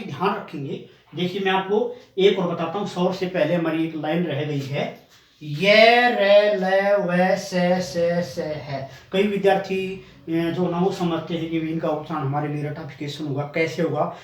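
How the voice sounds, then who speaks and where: A man's voice: sits high, roomy sound, far from the mic. A male coaching teacher giving a classroom lesson, patiently explaining step by step and sounding out items one by one.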